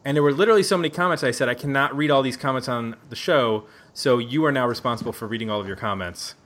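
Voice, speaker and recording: He talks fast at a medium pitch, his tone a bit bright. This is the host of an informal music podcast round table, a Buffalo man in the US who chats, cracks jokes and often corrects himself, recording indoors at a neighbor's place.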